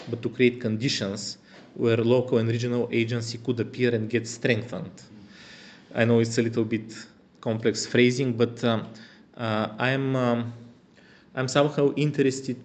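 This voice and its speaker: A man with an Eastern European accent giving a conference presentation in a university hall, halting and searching for his words. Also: medium pitch. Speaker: conference speaker.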